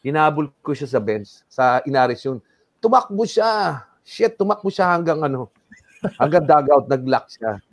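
Speaking at normal speed in a slightly high voice, a middle-aged interview guest animatedly narrates a story, acting out what people said and alternating Tagalog and English. The recording is dry.

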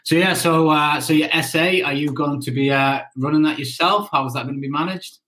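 A man hosting a casual interview, relaxed, often repeating words as he thinks. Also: a little high, a little fast, poor audio. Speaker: interview host.

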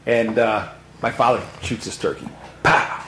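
A man in his sixties telling hunting stories on a podcast, animated and acting out the voices in them. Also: fairly low pitch, measured pace. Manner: animated storyteller who acts out voices. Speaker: hunting guide guest. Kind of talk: podcast storytelling. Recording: roomy room with faint noise.

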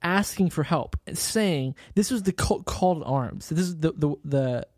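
A woman's voice: low voice, expressive, moderate pace, a little mellow, no room sound, studio quality. A woman co-hosting a casual history podcast, telling the story with fillers and laughing along with her co-host. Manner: storytelling with fillers and laughs, reads quotes aloud.

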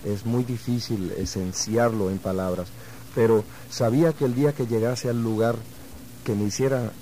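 Measured man, dark tone. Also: on the low side, fairly even intonation, a little hiss or hum, poor audio. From Uruguay. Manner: reflective, measured. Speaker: guest musician. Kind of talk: interview answers.

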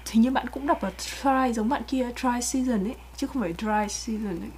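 Chatty higher-voiced woman, faint background noise. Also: brisk, a little mellow. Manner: chatty, explains with everyday examples. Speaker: co-host reviewing pronunciation. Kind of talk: casual pronunciation critique.

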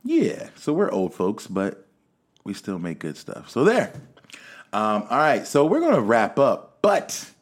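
A man in his late thirties hosting a casual chat, animated and often laughing, his voice trailing off softly at times. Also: fairly low pitch, unhurried. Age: 30s. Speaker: podcast host.

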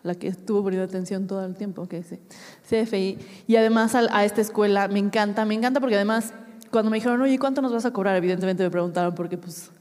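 A woman's voice: mid-range voice, fairly even intonation, fast talker, darkish tone, long reverb tail. A woman in her thirties with a Mexican accent performing a live stand-up routine on stage, chatty and swearing casually as she laughs at her own jokes. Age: 30s. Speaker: stand-up comedian. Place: comedy stage before a live audience.

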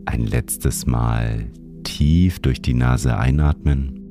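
A man narrating a sleep meditation like a bedtime story narrator, guiding the listener gently and soothingly. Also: very deep voice, steady tone, takes it slowly. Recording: music behind the voice. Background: music.

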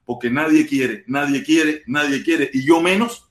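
A Cuban man with a fairly high-pitched voice hosts a casual livestream, reading viewer comments at a measured pace in an echoey room. He rambles, repeats himself, and curses crudely, speaking with a Cuban accent.

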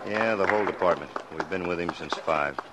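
A man's voice: deep voice, fairly quick, heavy background noise, close to an everyday voice. A man playing weary detective Brub. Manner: plain, matter-of-fact briefing. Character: Brub, tired police detective husband. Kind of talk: 1940s radio acting.

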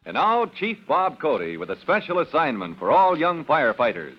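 A male announcer narrates a children's radio drama dramatically and speaks directly to young listeners. His intonation rises and falls in lively swings. The old recording sounds dull and lo-fi. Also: a little high, normal speed.

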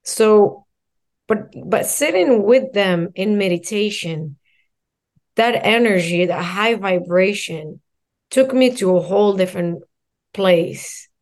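A woman's voice: medium pitch, lively intonation, takes it slowly, darkish tone. A woman from Morocco, a mindset coach and guest, telling her story in a reflective way and stringing together lists of phrases. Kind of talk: casual interview conversation.

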